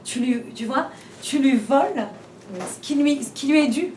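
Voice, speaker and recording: Her voice sits high and has a darkish color, and she takes her time. In the room where she teaches, she leads a casual class, chatting, asking rhetorical questions, and circling back to repeat or restart lines. The sound is spacious and remote, with faint noise underneath.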